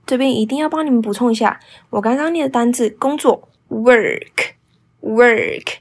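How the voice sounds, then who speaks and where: A fairly high-voiced woman runs a bilingual English speaking lesson as its host. She reads English sample answers slowly and carefully. Then she switches to brisk explanations of pronunciation and phrases. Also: a little mellow, breathy edge. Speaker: English teacher and podcast host.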